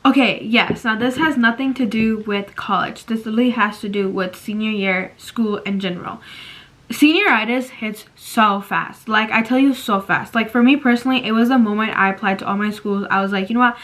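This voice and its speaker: A teenage girl in casual vlog chat, talking fast and filling her talk with "like", giving advice to viewers from her phone. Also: mid-range voice, a bit bright, low-quality recording. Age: teens. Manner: chatty, fast, lots of "like" fillers. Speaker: vlogger. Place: bedroom at night. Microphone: phone at arm's length.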